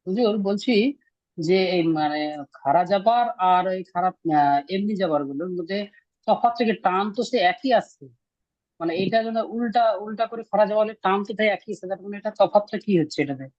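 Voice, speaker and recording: Man, adult student, hesitant, searching for words, quick delivery, muffled dry call audio. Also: high voice, expressive, no room sound. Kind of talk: asking a question in an online class.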